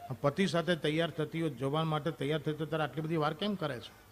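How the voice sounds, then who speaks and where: A man performing a stand-up comedy monologue on stage, telling animated stories and acting out quoted lines from a wife and a husband, with English phrases mixed in. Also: fairly high pitch, fast talker, a little hiss or hum. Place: stage before a live audience.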